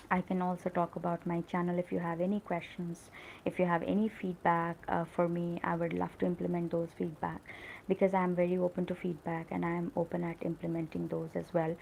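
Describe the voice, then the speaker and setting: A middle-aged woman speaks with an American-tinged accent in an earnest, encouraging live stream on learning English. Her voice sits on the low side with a gravelly fry, and a faint hiss runs under it. She often stops on fillers like "uh" and "you know". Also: darkish tone, low-quality recording. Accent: American-tinged English learned in call centers. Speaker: English teacher. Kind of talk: live-stream motivational talk.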